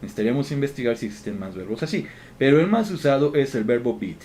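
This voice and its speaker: A man's voice: mid-range voice, very animated, fast talker, a little mellow. A man teaching English grammar from slides, patient and step by step, often checking in with the class, with faint background noise. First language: Spanish. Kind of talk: slide-based grammar lesson.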